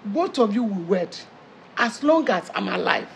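A performer playing a pushy, preachy Nigerian mother of the bride with a gravelly, emphatic voice, in a comedy skit. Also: medium pitch, very animated, unhurried, slight background noise. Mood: reassuring. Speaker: mother-in-law character.

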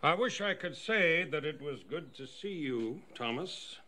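An actor playing a stern, disappointed old patriarch, measured and reproachful, in a period film drama. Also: male voice, on the high side, animated, pushed and bright, a little hiss or hum. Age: older. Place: indoor room.

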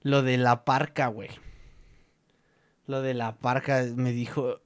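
A young man with a Mexican Spanish accent hosts a vlog, telling animated stories in a slangy, joking way during a casual chat. His voice sits at medium pitch and comes out slow and smooth.

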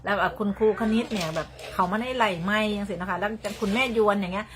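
A woman's voice: medium pitch, fairly even intonation, quick pace, background noise. An older woman with a Northeastern Thai Isan accent, hosting a casual livestream on her phone, chatting in a rambling way, repeating words and laughing often. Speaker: livestream host.

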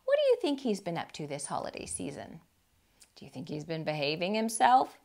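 Here a middle-aged storytime host reads fairly quickly in a lowish, sing-song voice that is creaky and a little mellow. She exaggerates her emphasis and talks directly to the children. The recording comes from a lapel microphone in a small indoor room with furnishings.

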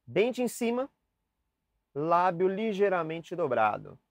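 A young man with a high-pitched, gravelly voice and big pitch swings teaches saxophone basics slowly in a casual, chatty lesson, demonstrating and talking directly to the viewer. It's a dry recording with no echo, picked up on camera mics as the shots switch between cameras.

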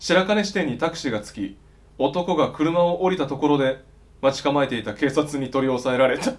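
A young man with a slightly higher-pitched voice reads the news as an anchor. His delivery is formal and polite, with measured, scripted phrasing. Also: slight background noise. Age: young adult. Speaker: newscaster in a parody news show.

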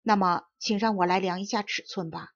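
A woman's voice: medium pitch, fairly quick, no echo, lightly acted. A woman reading as a polite old tailor who speaks respectfully to his small customers. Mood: courteous. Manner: courteous, flattering. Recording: dull dry audiobook recording.

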